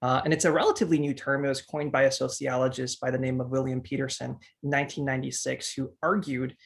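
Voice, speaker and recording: This thirty-something U.S. teacher presents in a quick, flat, mid-range voice with vocal fry. He's co-hosting a webinar discussion talk, earnest yet full of fillers and restarts.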